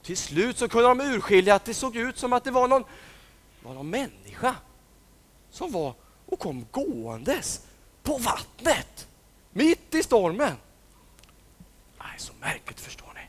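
A man's voice: extremely high pitch, big pitch swings. A man telling a story to children, often dropping into whispers for suspense and asking his listeners questions. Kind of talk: dramatic storytelling.

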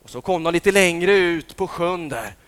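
High-voiced man telling a dramatic story. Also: lively intonation, a bit bright. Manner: drops to whispers for suspense, asks listeners questions. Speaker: storyteller for children.

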